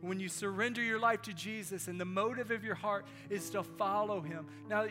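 A man's voice: sits high, steady tone, normal speed. A man preaching a sermon as pastor, speaking with passion and building to emphatic declarations. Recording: long hall reverb with faint music.

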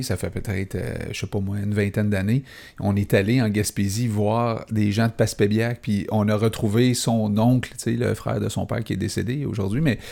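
A man with a Québécois French accent and a fairly low voice hosts a relaxed chat. He jumps in with eager, enthusiastic questions and quick reactions. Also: creaky. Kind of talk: casual interview chat.

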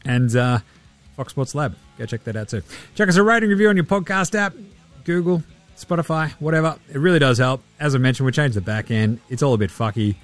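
A man's voice: medium pitch, a little fast, soft background music. A man with an Australian accent hosting a sports podcast in casual, blokey, sweary chat.

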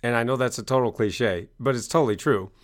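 A middle-aged American man from Maine, a success coach and author, tells his story as an interview guest in a fairly quick, mid-range voice. He's emphatic and keeps repeating phrases the way a motivational speaker would.

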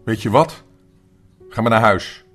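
A man's voice: fairly low pitch, a little slow, fairly bright tone, faint music behind. An older man voicing a brave, loyal young boy who leads his friends, in a storybook reading. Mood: confident. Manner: commanding, urgent calls.

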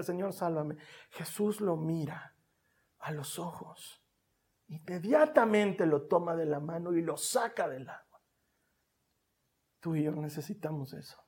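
A preacher with a Rioplatense Spanish accent, delivering a sermon with a husky, slightly breathy voice. The delivery jumps between loud, emphatic exclamations and hushed near-whispers. The speaker keeps turning to the listener with rhetorical questions. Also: mid-range voice.

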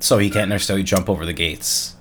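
Young male co-host, lower voice, relaxed and teasing. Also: fast talker, slight background noise. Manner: laid-back, teasing, laughs often. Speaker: podcast co-host. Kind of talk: casual chat.

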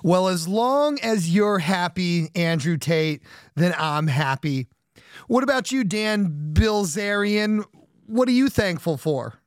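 Guy hosting his podcast, kinda high voice, laughs at his own jokes, lots of uh and um. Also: animated, slow, clean tone, no echo, clean studio sound. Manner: self-deprecating, laughs often, rambling fillers. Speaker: podcast host. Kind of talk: casual podcast monologue.

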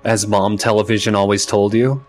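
A man's voice: fairly low pitch, steady tone, moderate pace, faint music behind. A man casually improvising as a player in a tabletop role-playing game, playful and given to swearing.

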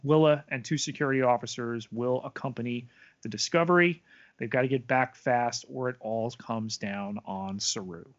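A man's voice: medium pitch, normal speed, lo-fi sound. A man co-hosting a podcast, recapping a TV episode in casual chat with dry, playful asides. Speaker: podcast co-host.

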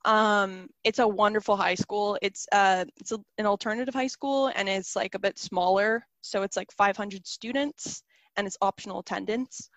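A young woman from South Africa, whose first language is Serbian, chats casually as an interview guest, filling her talk with "like" and "um." Her medium-pitched voice moves at a normal speed with a slightly bright tone, and the recording is muffled but has no echo.

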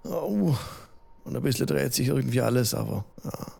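A man's voice: mid-range voice, animated, normal speed, creaky, warm tone, breathy edge, full character voice. A man voicing a hungover, good-natured, strong beast of burden in a tabletop game, groaning and eager to help. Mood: groggy.

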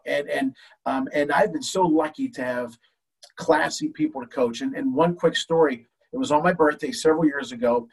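An older man, a baseball coach, telling an emotional story in an animated way with many restarts. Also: a little high, normal speed, gravelly, husky, distant mic, rough recording. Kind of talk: storytelling in a talk show.

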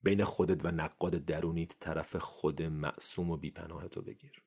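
A man delivers a motivational podcast monologue in a very low voice with a gravelly edge. His tone is husky and breathy. He talks earnestly straight to the listener and leans into the key phrases. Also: steady tone, darkish tone. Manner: earnest, addresses listener directly, rising emphasis on key phrases. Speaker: podcast host.

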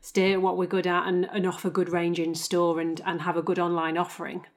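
Low, flat-toned woman co-host. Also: fairly quick. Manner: chatty, asks long questions. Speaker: podcast co-host. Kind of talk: casual podcast chat.

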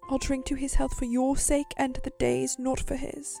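A woman playing a poor, motherly but sharp-tongued mother of a large family in a dramatized story. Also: sits high, little pitch movement, moderate pace, gravelly, soft background music. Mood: indignant.

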